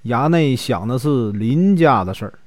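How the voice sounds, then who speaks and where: Sly scheming servant guy fawning over his master, northeastern accent, lively up-and-down voice, a storyteller putting him on. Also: mid-range voice, moderate pace, dry recording, studio quality, voice pushed down, lightly acted. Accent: Northeastern Mandarin.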